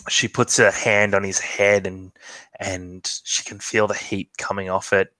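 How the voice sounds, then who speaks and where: Man player narrating a tabletop game, hesitant, bright timbre, dry sound. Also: deep voice, little pitch movement, measured pace, no room sound, poor audio. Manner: hesitant, full of ums and restarts. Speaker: player narrating his character.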